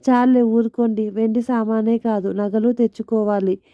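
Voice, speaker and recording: A woman voicing an excited, bossy middle-aged wife who chides her husband in a storybook tale. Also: fairly high pitch, moderate pace, dry recording, natural voice. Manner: chiding, eager. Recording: dull lo-fi dry recording.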